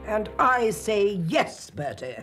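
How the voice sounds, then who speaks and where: An actress playing a domineering, snobbish older upper-class English aunt who scolds imperiously. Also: female voice, mid-range voice, very animated, slow, music in the background.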